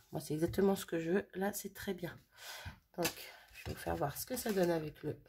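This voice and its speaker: Low gravelly woman chatting while crafting. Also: mellow. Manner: chatty, thinking aloud while working. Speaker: crafting vlogger; mother. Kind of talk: casual crafting tutorial chat. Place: home craft table on a sunny day.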